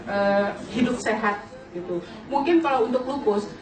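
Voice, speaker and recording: High-voiced woman near fifty, animated. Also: normal speed, a crowd in the background. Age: late 40s. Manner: animated, laughing often, addresses the audience directly. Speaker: customer giving a testimonial. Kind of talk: lively personal testimony to an audience. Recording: echoey hall, distant mic, audience around.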